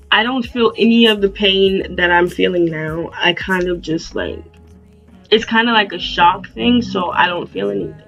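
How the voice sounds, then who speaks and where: A young adult woman vlogging a storytime in an animated, casual way, with plenty of swearing. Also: lowish voice. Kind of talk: storytime vlog. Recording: dull lo-fi sound with faint music.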